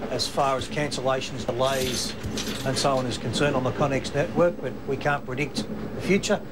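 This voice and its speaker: A middle-aged Australian train driver talking casually from his cab, halting now and then with fillers. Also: mid-range voice, steady tone, heavy background noise. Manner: plain-spoken, halting with fillers. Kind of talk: casual documentary interview.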